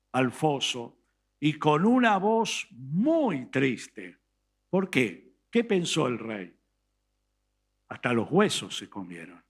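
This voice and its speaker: A man with an Argentine Spanish accent, preaching a sermon as pastor and retelling a scripture story with emphatic, dramatic pauses. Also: medium pitch, gravelly, fairly bright tone. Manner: reads scripture aloud slowly.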